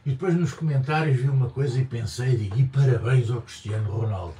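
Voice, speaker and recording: Talking fairly quickly in a mellow, medium-pitched voice, an older Portuguese vlogger with a European accent airs his views in a loose, digressive monologue packed with emphatic repetitions. Slight background noise and faint ambience come through the distant mic in a roomy space.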